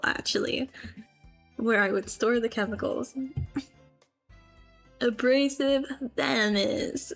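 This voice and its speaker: A woman's voice: on the high side, fairly bright tone, husky. A woman streaming a casual chat with viewers, playful and giggly, often slipping into silly voices. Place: grandmother's house.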